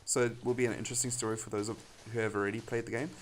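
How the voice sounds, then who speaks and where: A man's voice: fairly low pitch, flat delivery, rapid-fire, slight background noise. A man chatting casually on a live stream while he builds in a game, rambling and laughing often.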